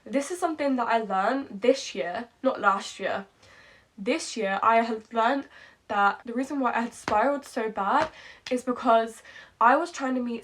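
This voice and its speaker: A woman, talking candidly and rambling in a reflective late-night vlog, repeating herself and saying "like" often. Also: a little high. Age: 20s. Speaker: vlogger.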